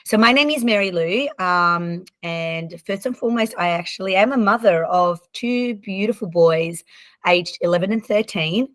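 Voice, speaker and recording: A Lebanese-born woman in her forties, whose first languages are Arabic and French, chats candidly as a podcast guest, telling stories casually with frequent ums and restarts. Her mid-range voice has a fairly bright tone, moves at a normal speed, and the audio has no echo.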